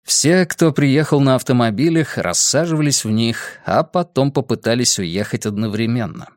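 A man narrating an audiobook with expressive storytelling. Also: medium pitch, moderate pace, no room sound, studio quality. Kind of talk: scripted narration.

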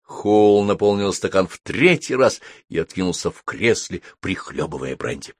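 Husky low-ish male voice reading a storybook aloud, lots of up and down, dry close sound. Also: normal speed, no echo. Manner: expressive storytelling. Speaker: narrator. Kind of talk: audiobook narration.

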